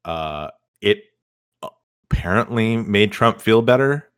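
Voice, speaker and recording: On the low side and a bit bright, this man's clean-toned voice swings widely in pitch, with clean studio sound and no echo. Hosting a podcast, he mocks the clips he reacts to, sounding incredulous and firing off quick sarcastic asides.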